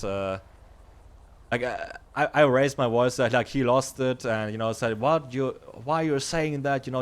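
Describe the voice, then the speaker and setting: A man talking in character as a biker club member, his voice sitting at an ordinary middle pitch. He rambles and stumbles through restarts and fillers, then turns loud and exasperated when he defends himself. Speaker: roleplay streamer playing a biker club member. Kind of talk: in-character casual chat.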